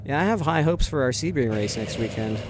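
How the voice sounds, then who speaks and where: Male sim racer, mid-pitched voice, casual running commentary from the driver's seat, very loud engine noise. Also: animated, a little fast. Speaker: sim racing driver and streamer. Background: racing engines of a driving game.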